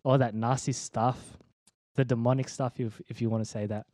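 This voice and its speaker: Young man, church leader sharing his testimony, casual and slangy, mid-pitched, dry close sound. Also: little pitch movement, dark tone, no echo. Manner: laid-back and slangy, calls the listener dude and man; halting, many ums and restarts. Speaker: interview guest, church leader. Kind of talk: personal faith testimony in casual chat.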